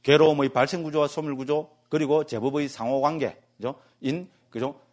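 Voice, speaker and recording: A man, a Buddhist monk, giving a jokey, animated lecture and keeps asking the class "right?". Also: a little high, normal speed. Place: meditation center lecture hall.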